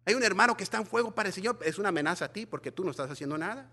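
Male pastor, high voice, bilingual sermon, animated. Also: racing. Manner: animated preaching, mixing Spanish and English, acting out gossiping church members.

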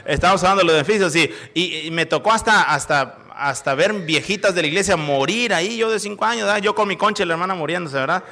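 A high-pitched man preaches a sermon. His voice is bright and ringing, and he talks in a folksy, joking way, jumping from loud calls to hushed asides as he tells stories. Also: fast, hardly any pauses. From Mexico. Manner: animated, swings from loud calls to quiet asides. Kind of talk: sermon with storytelling.

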